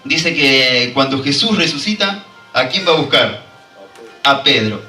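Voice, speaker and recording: A man's voice: medium pitch, lively intonation, a little slow, bright, forceful tone, roomy sound, far from the mic, soft background music, low-quality recording. A man preaching a fervent sermon and drawing call-and-response from the congregation. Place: church hall.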